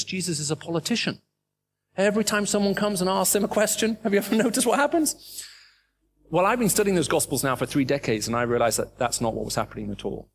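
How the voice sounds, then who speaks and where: Middle-aged british guy preaching, emphatic, keeps asking the crowd questions, faint hum behind. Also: on the high side. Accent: British English. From raised in the Middle East. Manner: emphatic, asks the audience rhetorical questions. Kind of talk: sermon. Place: speaking to a live audience.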